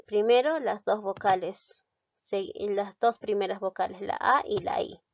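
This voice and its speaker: A woman's voice: medium pitch, a little slow, dry recording, lo-fi sound. Patient teacher woman, dry sound. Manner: patient, questioning students step by step. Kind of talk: grammar lesson explaining vowel rules.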